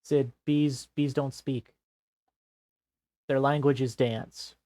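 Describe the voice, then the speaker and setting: A man in a relaxed gameplay stream, talking through what he sees at a middle pitch. He explains things slowly and simply, as if walking a friend through it. His voice is close and dry, with no room sound. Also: no echo. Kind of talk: casual gameplay chat.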